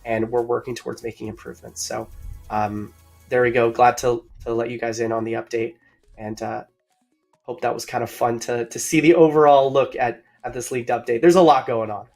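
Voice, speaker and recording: A man's voice: mid-range voice, little pitch movement, a little fast, vocal fry, darkish tone, soft background music. Upbeat man co-hosting a game stream. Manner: upbeat, talks to chat. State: out of breath. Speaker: co-host of a game livestream. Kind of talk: casual livestream chat.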